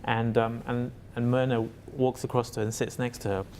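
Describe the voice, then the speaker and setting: A man's voice: medium pitch, level tone, fairly quick, darkish tone, a little hiss or hum. A man talking as an interview guest about his work as a facilitator, in a reflective and hesitant way with many fillers and restarts. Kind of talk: reflective conversational answer.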